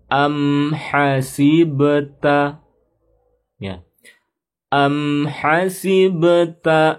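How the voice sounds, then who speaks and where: A man's voice: fairly low pitch, darkish tone, breathy edge. A man with an Indonesian accent teaching Quran recitation rules, patiently repeating syllables and chanting verses. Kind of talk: slow tajwid lesson with chanted recitation.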